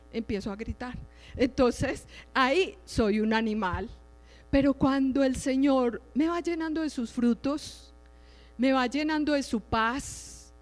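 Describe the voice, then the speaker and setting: A middle-aged woman gives a religious teaching mixed with personal testimony. She speaks in a conversational way and keeps checking in with her listeners. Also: a little high. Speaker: lay preacher giving testimony. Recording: reverberant hall with faint music behind.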